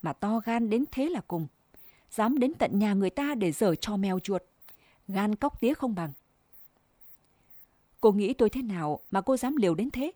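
A furious village wife spits scorn and insults at her rival, as a woman reads her lines. The voice is warm and mellow, recorded close and dry with no room sound. Her scolding stays biting and relentless. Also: mid-range voice, expressive, normal speed, long pauses, dry recording, lightly acted. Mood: scornful. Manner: sharp, scornful berating.

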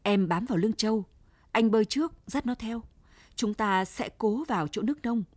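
A woman's voice: on the high side, normal speed, a little mellow, dry recording, close to an everyday voice. A woman voicing a brave young male prisoner who speaks firmly and reassuringly. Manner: firm, reassuring.

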